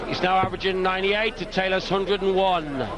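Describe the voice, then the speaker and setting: A man commentates on live darts in a theatrical, colourful manner. His voice sits high, and a very loud, noisy crowd surges behind him. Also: fairly even intonation, brisk. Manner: colourful, theatrical turns of phrase.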